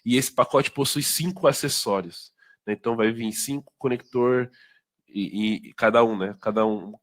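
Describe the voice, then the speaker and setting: A man's voice: mid-range voice, moderate pace. A man with a Brazilian Portuguese accent giving an informal sales training talk, conversational and full of tag questions and fillers. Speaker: product presenter.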